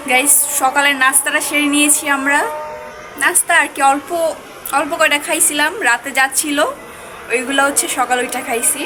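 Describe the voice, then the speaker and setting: A woman's voice: sits high, fairly even intonation, brisk, background noise. A young woman chatting casually to her viewers in a home vlog, talking through a cold and a sore throat. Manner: chatty, rambling, addresses viewers directly. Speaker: vlogger. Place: home, indoors and on a rooftop garden and kitchen.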